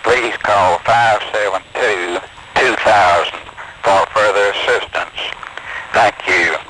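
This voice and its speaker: A man reading a recorded phone message in a slow, measured announcer's way, spacing out each number. He plays back as an automated intercept announcement. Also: on the low side. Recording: noisy old phone line recording.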